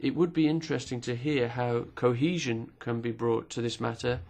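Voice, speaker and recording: With a steady, darkish, medium-pitched voice marked by vocal fry, a man interprets speeches simultaneously at a parliamentary committee hearing. His delivery is formal and measured, broken by pauses and occasional fillers.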